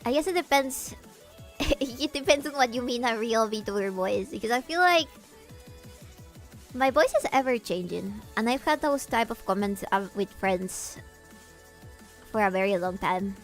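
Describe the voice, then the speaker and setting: A woman streamer chatting casually with her viewers in an animated, giggly way, her voice swooping upward when excited. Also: on the high side, unhurried, long pauses, soft background music. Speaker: VTuber streamer. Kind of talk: casual livestream chat, answering viewers.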